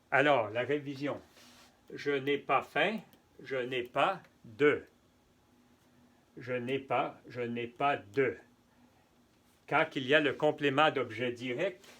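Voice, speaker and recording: Male tutor for a bilingual French lesson; unhurried delivery, bright voice. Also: medium pitch. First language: neither French nor Spanish. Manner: slow, patient, repeats examples and translates into Spanish. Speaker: French teacher.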